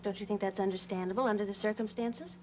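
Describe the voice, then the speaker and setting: A woman's voice: mid-range voice, fairly even intonation, fast, slight background noise, natural voice. An actress playing a worried woman protecting her sister in a daytime soap, speaking anxiously and pleadingly. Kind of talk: daytime soap opera acting.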